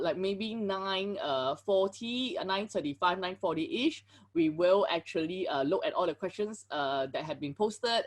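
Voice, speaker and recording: A woman's voice: mid-range voice, a bit bright. A woman hosts a live webinar over a video call. She talks casually and fills her sentences with "you know" and "like" as she greets people and keeps things moving. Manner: chatty, filler-heavy, greets viewers and reads chat aloud. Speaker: webinar host.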